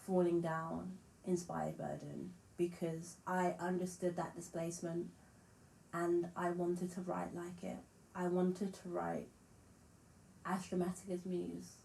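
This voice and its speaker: A woman's voice: fairly low pitch, flat delivery, takes it slowly, gravelly, roomy sound, slight background noise, low-quality recording. A woman musician with a slight lisp, chatting casually to camera in a frank, self-deprecating way and swearing freely. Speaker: musician vlogger.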